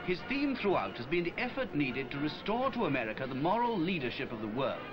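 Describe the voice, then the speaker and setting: A man's voice: a little high, sing-song, fairly quick, dull audio. A man giving scripted narration in the manner of an old newsreel announcer. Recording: old newsreel with music bed.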